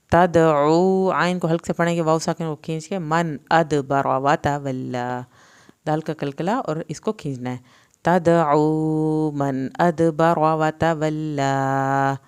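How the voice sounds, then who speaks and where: A woman with a low, smooth voice and a Pakistani Urdu accent teaches tajweed. She chants each verse in long, stretched syllables, then switches to brisk explanation of the pronunciation rules. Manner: recites verses slowly and drawn out, then explains rules quickly. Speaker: Quran recitation teacher.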